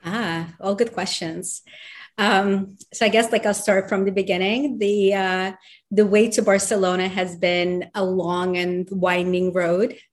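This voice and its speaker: A woman's voice: medium pitch, little pitch movement, measured pace. Middle-aged woman. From Belarus, moved to the US at twelve. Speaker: podcast guest. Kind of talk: conversational personal storytelling in an interview.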